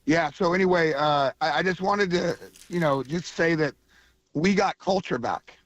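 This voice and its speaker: A man with a coarse, gravelly voice from allergies, chatting casually and enthusiastically as a caller to a radio show. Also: on the high side, moderate pace, a bit bright. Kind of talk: casual call-in chat. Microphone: phone call to radio show. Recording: band-limited phone line.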